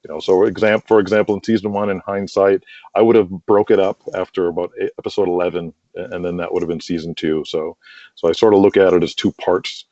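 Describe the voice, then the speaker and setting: He talks fast in a low, steady, darkish voice. Being interviewed informally as the writer of a wrestling audio drama, he gives long, wandering explanations full of "you know" and "like," captured on echoey, dull, lo-fi call audio.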